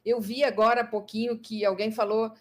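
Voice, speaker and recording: A woman's voice: a little high, little pitch movement, a little fast. A woman, a psychologist in a live interview, explaining her ideas thoughtfully with frequent fillers.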